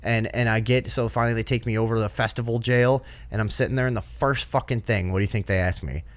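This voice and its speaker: A man's voice: on the low side, fast talker, no room sound. A man co-hosting a podcast, swearing and acting out the people in his story as he tells it in casual chat. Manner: profane, animated retelling with quoted voices. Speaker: podcast co-host.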